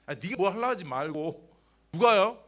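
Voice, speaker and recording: Lively, high-voiced male pastor preaching. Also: fairly quick. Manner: conversational preaching with frequent rhetorical questions to the congregation; swings between loud emphatic lines and soft low asides. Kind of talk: sermon. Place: church.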